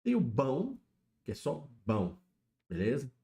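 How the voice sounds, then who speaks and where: A man's voice: mid-range voice, huge pitch swings, takes it slowly, warm tone. A man chatting casually alone on a live stream, explaining things and checking in with his viewers. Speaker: YouTube streamer. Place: home setup, alone.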